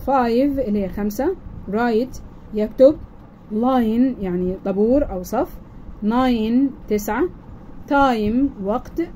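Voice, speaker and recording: A woman's voice: on the high side, takes it slowly, mellow, a little hiss or hum, low-quality recording. A woman with an Egyptian Arabic accent teaching a children's English lesson, saying each word twice and explaining step by step.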